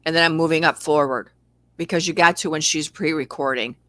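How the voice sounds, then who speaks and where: Bright, forceful chat-show host. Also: mid-range voice, a little fast, dry recording. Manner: candid, rambling, reads out viewer comments. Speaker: livestream host. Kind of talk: casual spiritual chat.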